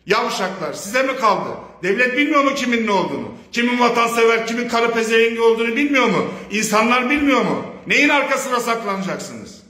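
Man, very high voice, bright and forceful tone, harsh profane video message, echoey room. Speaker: speaker of a public video statement.

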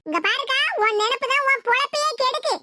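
A hot-tempered cartoon neighbour woman who lays down the law with sharp threats in Tirunelveli Tamil, as a voice actor plays her. Her voice is very high-pitched, and there is a constant layer of noise behind it. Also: fast talker. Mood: angry. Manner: scolding, threatening, loud. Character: angry, scolding middle-aged neighbour woman. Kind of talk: cartoon voice acting.

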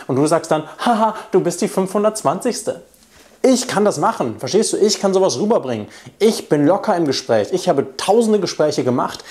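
A man's voice: fairly high pitch, a little mellow. Man coaching, acting out little scenes. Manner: casual, acts out quoted lines with shifting voices. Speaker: dating coach. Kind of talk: direct-to-camera coaching talk.

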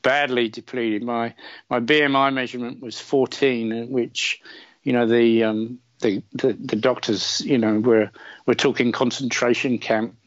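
Level in tone and a little slow, this medium-pitched middle-aged man from England recounts a long personal story as a podcast guest. His casual telling is chatty, filler-heavy, and laced with self-deprecating wit. Audio is lo-fi with no echo.

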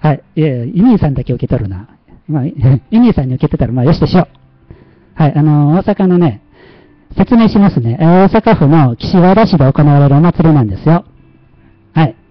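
A man's voice: fairly high pitch, lively intonation, fairly quick, dry recording, highs cut off. A man with a Kansai Japanese accent hosting a casual livestream, chatty and self-mocking, often laughing at himself. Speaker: livestream host.

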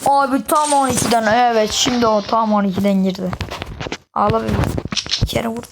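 Young woman gamer, high voice, jumpy live commentary, noisy recording. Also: normal speed. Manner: excitable, swears under breath, talks to viewers. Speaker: gaming YouTuber. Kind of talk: casual game commentary.

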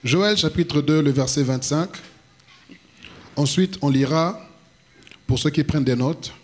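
A man in his forties from the Republic of the Congo, preaching in a church hall on a handheld mic and pausing in short phrases for his interpreter. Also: a little high, a little mellow. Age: 40s. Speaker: apostle, guest preacher. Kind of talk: sermon with interpreter.

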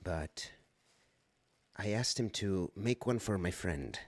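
A voice actor hosting a casual livestream, unboxing fan mail and exclaiming excitedly in a rambling way. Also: male voice, deep voice, takes it slowly.

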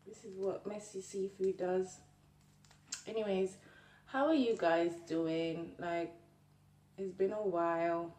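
A woman's voice: mid-range voice, fairly even intonation, slow pace, long pauses, a little mellow. A young Jamaican-accented woman chatting casually to viewers while eating, chewing as she talks with her mouth often full. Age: young adult. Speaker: mukbang vlogger. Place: small indoor room at a table. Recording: roomy, distant mic with faint noise.

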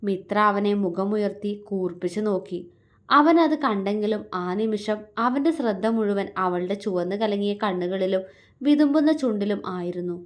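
A woman storyteller reading a romance story in a steady, expressive way. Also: medium pitch, moderate pace.

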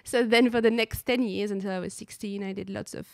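A woman's voice: medium pitch, steady tone, fairly quick, no room sound, studio quality. A woman in her thirties from France with a French accent, hosting a casual podcast chat on a couch with a handheld mic and laughing often. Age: 30s. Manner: giggly, many restarts and fillers. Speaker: podcast host, drone pilot. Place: living room couch. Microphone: handheld dynamic mic.

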